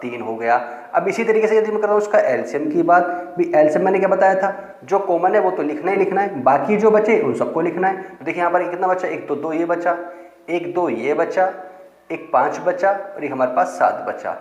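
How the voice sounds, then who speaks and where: A man's voice: high-pitched, animated, brisk, echoey room, lo-fi sound. A man teaching math, who explains step by step and asks and answers his own questions. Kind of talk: classroom lesson explanation.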